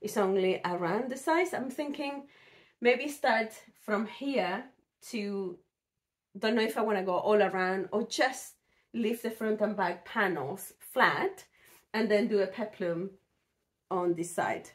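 A woman sewing vlogger, hoarse from a cold, chatting casually about her projects in a rambling way with fillers and restarts. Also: mid-range voice, slow. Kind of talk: casual chat.

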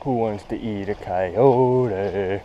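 A young man's voice, fairly low and slow, comes through dull audio with a faint hiss or hum. He's a fishing vlogger by a pond in tall grass, talking to himself in casual, sarcastic running commentary picked up by a head-mounted action camera.

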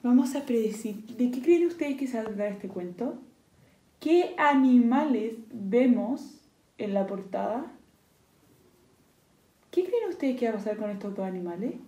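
A woman teacher reading a children's story aloud, pausing to ask the children questions in soft whispered asides. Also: fairly high pitch, lively intonation. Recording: echoey room.

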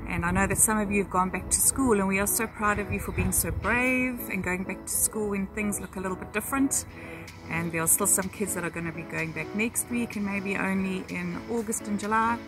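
Middle-pitched woman greeting kids over music. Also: fairly quick. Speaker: children's church teacher. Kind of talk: video message to children. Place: outdoors on a garden swing.

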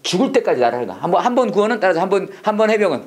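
An instructor teaches prayer-English in a classroom, with a voice that leaps up and down across a wide, expressive range. Questions keep coming at the students, who are pushed to repeat each line. Casual explanation alternates with English phrases spoken slowly and deliberately. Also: mid-range voice, crowd noise. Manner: lively, coaxing, asks the class questions and has them repeat; switches between Korean explanation and slow English model phrases. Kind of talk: classroom lecture with call-and-response drills.

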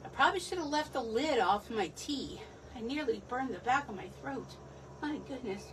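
A middle-aged woman who is losing her voice hosts a live craft stream from her home desk, chatty, rambling and self-deprecating. Her high voice is animated at a normal speed, recorded at a distance from the mic with faint room noise.

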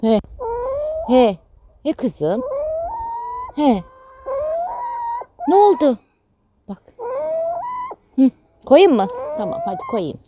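Against background noise, a middle-aged woman from Turkey talks very slowly in a high voice whose pitch swoops wildly, pausing often. A mother who vlogs, she chats casually at home and coos affectionately at her chickens in the garden.

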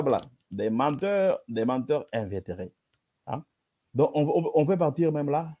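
Guy hosting a rant over verses, keeps repeating himself, warm low-key tone. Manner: emphatic, repetitive, with dismissive "bla bla". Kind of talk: polemical commentary reading translations.

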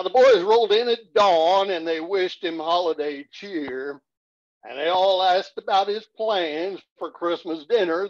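A man in his sixties with a folksy cowboy drawl, telling stories and reciting cowboy poetry on a video call. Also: on the high side. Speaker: cowboy poet and storyteller. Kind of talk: reciting humorous cowboy poetry to an online audience. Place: small curtained room at home, indoors. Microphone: video call, computer at arm's length. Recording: dull, echoey webcam audio.

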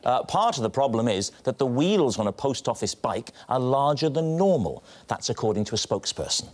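A man's voice: medium pitch, big pitch swings, brisk. A man hosting a comic panel show, teasing the guests playfully and slipping into impressions. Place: TV studio with audience. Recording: studio audience laughter and heavy noise.

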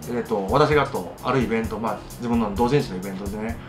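A man's voice: lowish voice, rapid-fire, faint music behind. A man with a Kochi Tosa accent hosting a casual solo radio talk, chatty and self-mocking as he demonstrates dialect phrases. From Kochi, Japan. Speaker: radio show host, voice actor.

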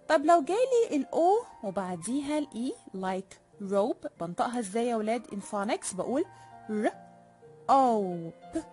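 A young woman with an Egyptian Arabic accent teaching a children's English lesson, saying English phrases slowly and explaining quickly in Arabic. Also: on the high side, darkish tone.

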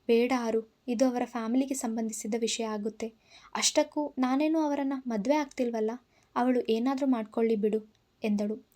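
A woman reading as a gentle, forgiving young woman. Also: on the high side, normal speed, close to an everyday voice. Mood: placating. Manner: soft, placating.

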